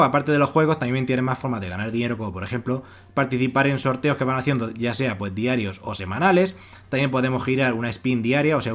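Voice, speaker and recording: A man with a Spain Spanish accent narrates a screen-recorded walkthrough in a quick, chatty voice-over. His pitch sits in the middle range. He circles back on his words, leaning on "pues" and "o sea" as he explains. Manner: fast, repetitive, filler-heavy explaining. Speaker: online money-making video host.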